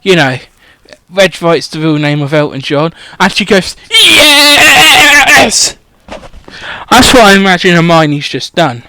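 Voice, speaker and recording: A man's voice: on the high side, normal speed, fairly bright tone, smooth. A man reading a parody audiobook, swearing and wandering into rambling asides. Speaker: comedic audiobook reader. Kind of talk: irreverent parody narration.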